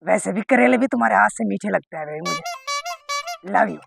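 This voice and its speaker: A man playing a middle-aged village headman in a comedy skit, gruff with others and cooing to his wife. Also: extremely high pitch, very animated, fairly quick, over music, heavily acted.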